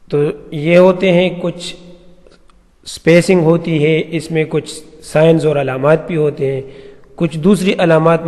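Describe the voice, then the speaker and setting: A man with a fairly high, darkish voice teaches a grammar lesson, explaining each point patiently and reading example sentences slowly. The recording is in an echoey room with long reverb.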